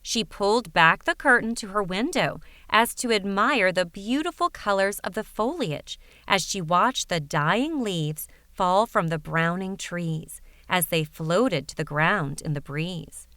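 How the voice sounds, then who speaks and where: Slow, bright-voiced woman narrating a fairytale. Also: mid-range voice, expressive, no echo. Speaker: audiobook narrator. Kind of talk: scripted storybook narration.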